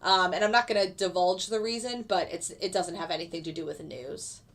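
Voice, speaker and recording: Lowish and fairly quick, this woman's voice comes through congested, her nose still stuffed up from a cold that has lingered. As a futures day trader streaming live, she chats through her trades casually and tackles viewer questions, leaning on filler words.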